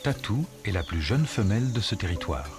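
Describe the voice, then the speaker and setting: A man reading scripted nature documentary narration in a measured, explanatory storytelling manner. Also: lowish voice, sing-song. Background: music under the voice.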